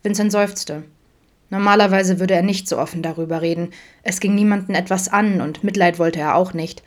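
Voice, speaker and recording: A woman reading a fan fiction audiobook aloud in a calm, even storytelling manner. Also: lowish voice, moderate pace. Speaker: audiobook reader.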